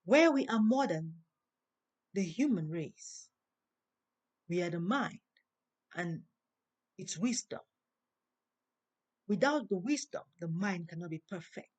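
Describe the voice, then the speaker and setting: A woman hosting a spoken monologue in slow, preaching tones, with a non-native English accent. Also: fairly low pitch, animated, darkish tone. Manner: slow, preaching, emphatic rises. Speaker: host. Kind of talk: inspirational monologue.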